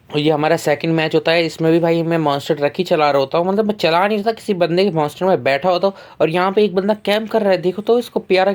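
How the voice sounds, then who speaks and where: A young man narrates his tournament gameplay in a quick, slangy, chatty way. His voice sits a little above the usual male range. He hurries through every line. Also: on the high side, darkish tone. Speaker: gaming YouTuber. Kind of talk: casual gameplay commentary.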